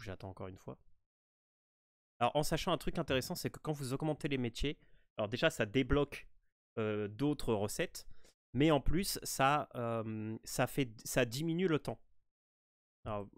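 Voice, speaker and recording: A walkthrough host with a French accent talks through gameplay loosely, with a mid-range voice, many pauses, fillers, and restarts, and a relaxed feel. There's no room echo; the audio is dry and close-miked.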